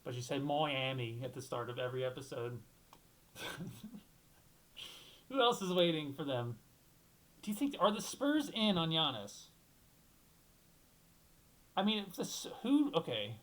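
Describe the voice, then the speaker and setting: A man's voice: a little high, sing-song, unhurried, pauses often, low-quality recording. A young man hosting a solo basketball talk show, rambling and thinking aloud, restarting sentences and swearing casually.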